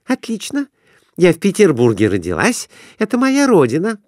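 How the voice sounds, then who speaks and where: A man voicing an excitable young married woman who is gambling, with high squealing exclamations. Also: moderate pace, no echo, clean studio sound, full character voice. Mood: excited.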